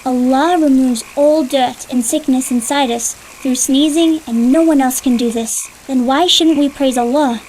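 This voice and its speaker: A woman's voice: high voice, normal speed, hardly any pauses, a little hiss or hum, lightly acted, rough recording. A woman voicing an older sister in a dubbed cartoon, patiently explaining things to her little brother. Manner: explaining, gently teaching, a little impatient.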